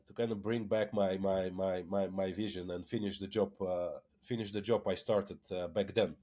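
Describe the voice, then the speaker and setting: Guy, deepish voice, keeps saying uh and repeating words, interview chat. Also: fairly even intonation, moderate pace, dark tone. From Lithuania. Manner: hesitant, many fillers and repeated words. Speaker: tech company founder, guest. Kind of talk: casual interview conversation.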